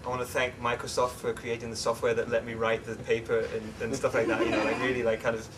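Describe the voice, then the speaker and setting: A young English-born man raised in the Netherlands, talking as an interview guest in a relaxed, chatty way with many fillers and restarts. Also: medium pitch, quick pace. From England, raised in the Netherlands. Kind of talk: casual interview chat. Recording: distant mic with clear background noise.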